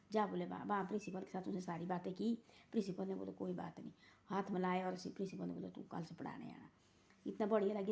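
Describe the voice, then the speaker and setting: Flat, mellow-voiced woman telling a moral tale. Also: mid-range voice, creaky. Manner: rambling, repeats "bole" between quoted lines. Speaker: storyteller. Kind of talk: casual moral story telling.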